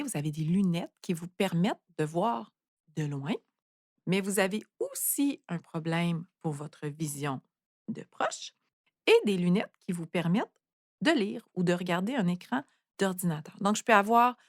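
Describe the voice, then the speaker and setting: A woman's voice: fairly low pitch, dry recording, clean studio sound. A Canadian woman, hosting a spiritual talk and explaining things in a reflective way with many fillers. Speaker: spiritual podcast host. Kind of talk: calm explanatory monologue.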